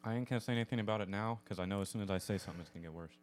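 A man's voice: lowish voice, rapid-fire, noisy background. A man from Arizona co-hosting a casual podcast while eating hot wings, easygoing and jokey, close on the mic in a podcast studio. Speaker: podcast co-host.

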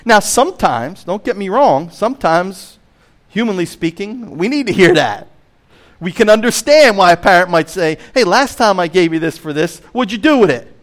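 A man preaching a sermon as pastor, emphatic, slowing on key phrases, swinging between loud and hushed, and asking the listeners direct questions. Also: sits high, animated. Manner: emphatic preaching with wide swings in loudness and slowed stressed phrases; asks the congregation direct questions.

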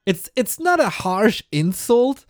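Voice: mid-range voice, big pitch swings, slow pace. A co-host chatting casually on a podcast, laughing often and sounding upbeat. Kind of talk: casual chat.

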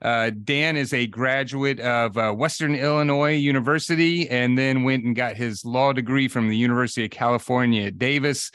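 A man hosting a podcast in a conversational, halting manner, repeating words as he goes. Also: mid-range voice, a bit bright, smooth, no room sound. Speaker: podcast host. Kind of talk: conversational introduction of a guest.

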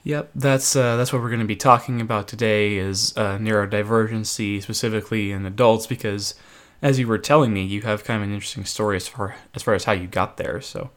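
A man's voice: lowish voice, fairly even intonation, brisk, hardly any pauses. A man hosting a casual podcast interview, asking questions with many hesitant fillers. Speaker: podcast host.

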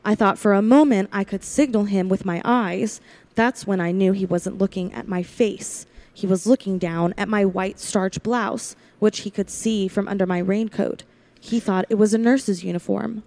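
A woman voices a scared young working woman captive to a killer in an old-style radio thriller, begging, wavering and sometimes defiant, and she narrates tensely in the first person. Her mid-range voice is a little mellow and lightly acted, with fairly even intonation at normal speed.

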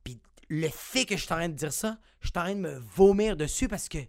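Brief: male podcast host with a Quebec French accent, swears a lot, animated, dry close sound. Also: high voice, a little fast, creaky, no echo. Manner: profane, animated, bursts into shouting. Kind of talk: comic storytelling monologue.

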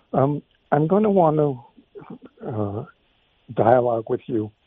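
Muffled man on a bass-only phone line. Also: breathy edge, dry recording. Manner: polite, measured, careful phrasing. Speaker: caller to a radio show. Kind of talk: call-in conversation.

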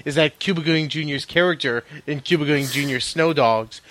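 A man co-hosting a comedy podcast, riffing absurd bits in a deadpan way. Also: on the high side, a little fast, no room sound. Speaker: podcast co-host.

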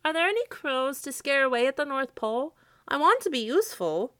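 A woman's voice: sits high, very animated, unhurried, bright, forceful tone, dry recording, clean studio sound, voice pushed up, full character voice. A woman voicing a timid male scarecrow in a storybook, pleading and earnest, eager to please. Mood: anxious, hopeful.

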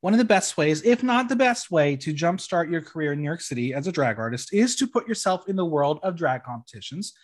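Lively, higher-pitched male interviewer. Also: a little fast, few pauses. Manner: brief affirming interjections. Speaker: podcast host, interviewer. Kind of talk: interview questions.

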